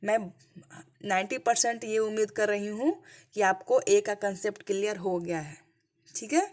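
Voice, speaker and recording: A woman teacher giving a slide-based grammar lesson, asking her students questions, answering them herself and checking often whether it is clear. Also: mid-range voice, normal speed, a little mellow.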